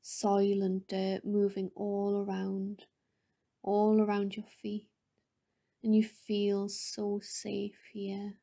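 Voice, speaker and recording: Guiding a meditation, a woman speaks in a mid-range monotone that is soft and breathy, often barely above a whisper. She's gentle and soothing, pausing at length between each phrase.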